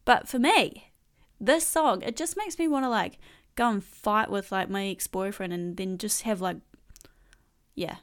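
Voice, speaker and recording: A young woman hosting a casual song countdown, talking in an animated, slangy, gushing way. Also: medium pitch, measured pace. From New Zealand. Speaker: host.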